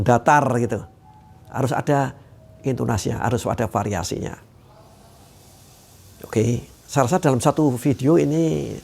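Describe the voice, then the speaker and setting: A man's voice: medium pitch, vocal fry, darkish tone, slightly rough. A man giving a training talk on communication, explaining points step by step and often tagging sentences with "ya".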